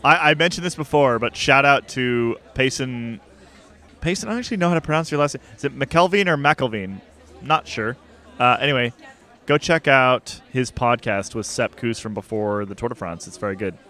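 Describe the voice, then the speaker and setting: A man hosting a casual podcast, chatting in a relaxed way with many filler words. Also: medium pitch, brisk. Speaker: podcast host.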